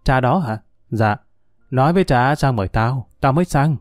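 A man's voice: mid-range voice, animated, no room sound, clean studio sound, faint music behind, lightly acted. A man putting on a bitter drunk old woman. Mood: brusque. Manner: coarse, grumbling, slow drawling monologue. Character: bitter drunk older woman cursing men.

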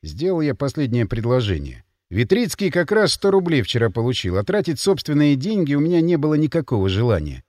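A man's voice: mid-range voice, very animated, fairly quick, hardly any pauses, darkish tone, dry recording, studio quality. A man narrating an audiobook in the first person, in a wry, matter-of-fact manner.

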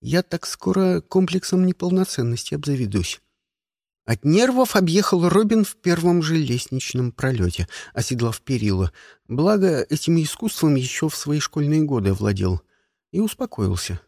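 A man tells a first-person audiobook story in a wry, sardonic way. His voice sits fairly high and moves a lot in pitch. The recording is dry and close. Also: sing-song, normal speed, gravelly, a little mellow, no echo. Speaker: audiobook narrator.

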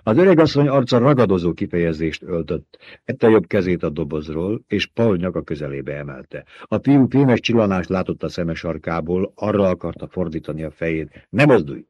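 A man narrating an audiobook in an expressive, dramatic reading, in a dull lo-fi audiobook recording. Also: low voice, no echo. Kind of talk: scripted narration.

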